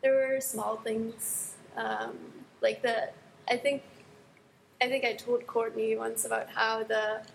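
Young woman guest, Dutch native from Belgium, fluent and thoughtful, a bit high-pitched. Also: little pitch movement, slow, gravelly, a little hiss or hum, low-quality recording. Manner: thoughtful, fluent, laughs softly. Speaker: guest improviser. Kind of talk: casual interview.

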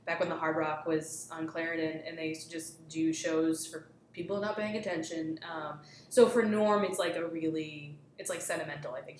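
A woman's voice: low voice, slight background noise. Rambling young woman, echoey room. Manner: rambling, many fillers and restarts. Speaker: improv show organizer and co-host. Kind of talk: casual chat.

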